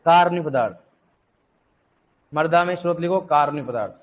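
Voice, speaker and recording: A man's voice: fairly high pitch, brisk. A male agriculture teacher lecturing a classroom in with a tinge, quizzing students and repeating key answers, joking now and then.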